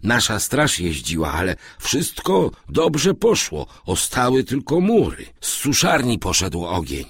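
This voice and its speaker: A man's voice: mid-range voice, huge pitch swings, measured pace, hardly any pauses, slightly rough, no room sound, pitched above the performer's own voice, full character voice. A man voicing a blunt, chatty male servant who drops dialect words into a raised voice in an audiobook.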